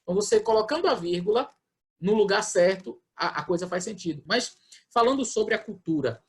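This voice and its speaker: A man's voice: high-pitched, expressive, a little fast. A man with a Brazilian Portuguese accent, a pastor explaining scripture in an online Bible study and acting out people's questions. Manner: explanatory, acts out questions in quoted voices.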